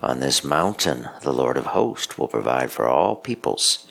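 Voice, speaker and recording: A man, a pastor, reading scripture and a story in a measured, solemn homily. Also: extremely low pitch, very animated, creaky, a bit bright.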